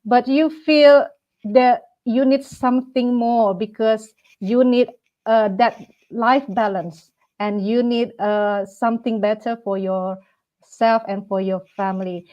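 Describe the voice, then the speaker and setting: A woman in her forties, originally from Indonesia, hosts a live-streamed talk show in a fairly high voice. She talks with frequent hesitant fillers and restarts, and the stream audio sounds dull and lo-fi. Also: fairly even intonation, slow. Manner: hesitant, many fillers, speaks as a second-language speaker. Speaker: host of live talk program.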